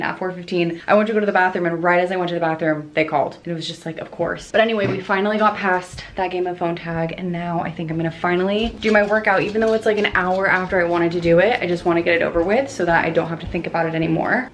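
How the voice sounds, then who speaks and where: A young woman vlogging casually at home, chatty and rambling, with lots of filler words. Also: on the low side. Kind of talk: casual vlog narration.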